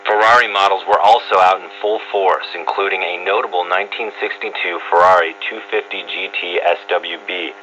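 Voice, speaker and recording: Heard through noisy shortwave reception full of static and hum, a man reads a scripted radio feature as a reporter. His low voice is steady and sharp, fairly quick with hardly any pauses.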